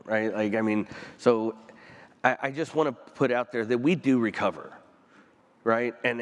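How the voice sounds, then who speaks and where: A man speaking as a panel guest onstage, earnest and emotional, pausing often and restarting his sentences. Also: lowish voice, long reverb tail. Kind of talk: onstage conversation. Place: conference stage.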